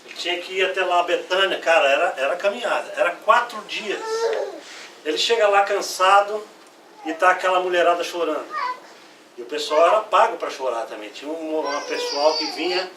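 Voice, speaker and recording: High-voiced pastor preaching in an echoey hall. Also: male voice, a little fast, slight background noise. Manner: lively preaching, acts out Bible quotes. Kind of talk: sermon. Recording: echoey room, voice from far off.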